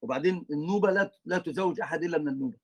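Quick, high-voiced Egyptian sheikh. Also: male voice. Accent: Egyptian Arabic. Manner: animated, teasing students, switches between colloquial and formal Arabic. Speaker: sheikh teaching a religious lesson. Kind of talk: religious lesson with banter.

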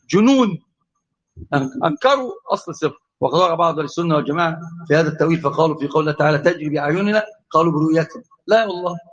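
A man with an Egyptian Arabic accent teaching a lively theology lesson, quizzing his class and calling on students. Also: a little high. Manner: animated, asks the class questions and calls on students. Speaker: religious teacher.

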